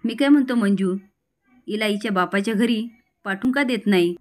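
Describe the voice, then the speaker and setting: A woman's voice: mid-range voice, a little fast, a little mellow, close to an everyday voice. A woman reading a grumbling uncle. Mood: exasperated. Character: irritated older uncle.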